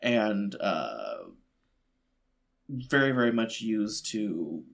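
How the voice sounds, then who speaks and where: A man's voice: fairly low pitch, sing-song, drawn-out words, gravelly. A man co-hosting a podcast who rambles in casual chat, full of "like" and "you know". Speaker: podcast co-host.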